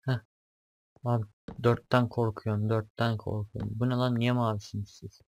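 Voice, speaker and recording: A man's voice: mid-range voice, level tone, normal speed, vocal fry, a little mellow, a little hiss or hum. A young man doing casual let's-play commentary, talking to himself as he explores, swearing and jumpy at scares. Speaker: gaming YouTuber.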